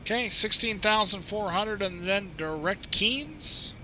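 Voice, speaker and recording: A man with a high, very bright and forceful voice talks through a flight sim stream in a relaxed, chatty way. He laughs often and slips into clipped pilot radio calls as he reads back clearances. A faint hum of noise sits under his voice. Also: measured pace, rough recording. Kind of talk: casual gameplay commentary with radio calls.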